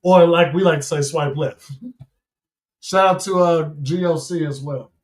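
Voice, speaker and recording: A man hosting a watch-party stream, calling the action excitedly and giving blunt opinions in a casual chat. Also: a little high, measured pace. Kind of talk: casual live-stream commentary.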